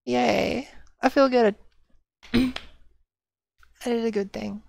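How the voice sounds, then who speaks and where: Chatty, slightly gravelly woman streamer. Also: on the high side, fairly even intonation, takes it slowly, a little mellow. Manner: chatty, laughs often, swears casually. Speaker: game streamer. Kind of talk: casual gameplay commentary.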